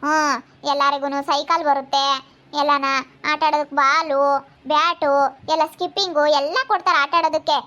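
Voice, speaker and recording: A woman's voice: sits high, little pitch movement, normal speed, sharp tone. A woman with a regional Kannada accent playing a village preschool teacher who coaxes and scolds children in a comic skit. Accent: Kannada, Hiriyur area. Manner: coaxing, scolding teacher talk.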